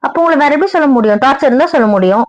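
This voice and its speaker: A demanding young wife who argues hard and scolds , as a woman acts her out. Her voice sits a little high. The audio-drama recording is dry and dull. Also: animated, rapid-fire, no room sound. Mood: indignant. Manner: scolding, argumentative. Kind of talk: amateur audio drama acting.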